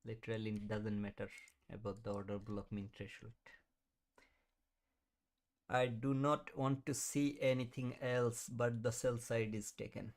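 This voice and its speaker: A man's voice: medium pitch, fairly even intonation, unhurried, a little mellow. A man in his thirties hosting a live trading stream, chatting casually, answering viewers and laughing often. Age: 30s. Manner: mutters at the chart while watching. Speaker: trading livestream host.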